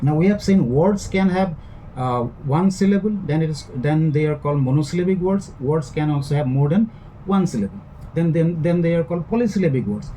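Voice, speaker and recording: A man's voice: on the high side, animated, a little fast, mellow, slight background noise, poor audio. A man with an Indian English accent giving a recorded online lecture, explaining step by step and often repeating and rephrasing his points with fillers.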